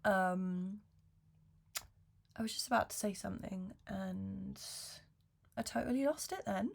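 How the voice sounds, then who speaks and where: A woman talks to her viewers as a reflective spiritual mentor, in a mid-pitched voice with a hoarse smoker's rasp. She sounds under the weather, with plenty of creak. Her delivery is slow and gentle, with hesitant pauses as she chooses her words. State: recovering from illness, hoarse. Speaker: video host and spiritual mentor. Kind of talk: intimate, reflective chat to viewers.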